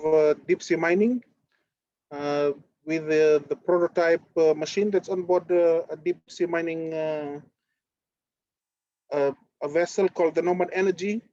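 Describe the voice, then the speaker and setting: Halting man on a lo-fi call. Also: a little high, mellow, no echo. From Fiji. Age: 30s. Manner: halting, many fillers and restarts. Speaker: activist presenter. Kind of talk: presentation over video call. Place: on board a ship at sea.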